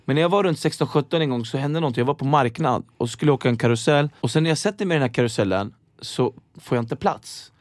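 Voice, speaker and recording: A man's voice: mid-range voice, few pauses, no echo, studio quality. A young man telling stories in a casual podcast chat, acting out the voices of people in his stories. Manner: animated storyteller acting out quotes. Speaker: podcast guest.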